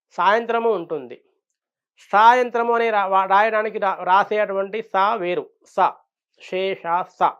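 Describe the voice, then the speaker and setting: A man giving a devotional discourse as a spiritual teacher, explaining points patiently and posing rhetorical questions. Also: sits high. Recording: dull lo-fi sound.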